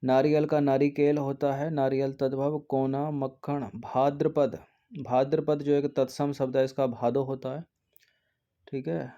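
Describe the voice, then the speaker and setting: A man's voice: medium pitch, little pitch movement, unhurried, mellow, highs cut off. A man going through the answers of an exam practice test, explaining each one steadily and repeating words to check them. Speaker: exam prep teacher. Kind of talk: test series answer walkthrough.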